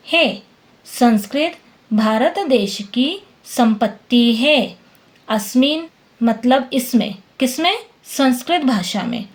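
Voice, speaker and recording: A woman teacher walks through a lesson at an unhurried, deliberate pace. Her voice sits fairly high, and she pauses often to check that her students are keeping up. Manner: patient, explains slowly and checks understanding. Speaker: Sanskrit teacher. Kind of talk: classroom lesson explaining text line by line.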